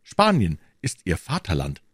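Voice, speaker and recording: Brief: bold, earnest young swordsman, male reader's own voice, low and dry. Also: wildly swooping pitch, a little slow, breathy edge, no room sound, full character voice. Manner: earnest, impassioned.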